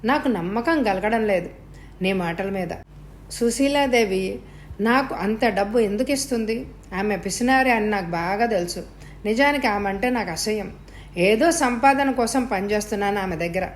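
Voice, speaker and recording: A suspicious, scheming young man, read by a woman in an audio thriller, firing off incredulous questions. His voice rides somewhat higher than the narration. A light hiss sits behind him. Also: normal speed, close to an everyday voice.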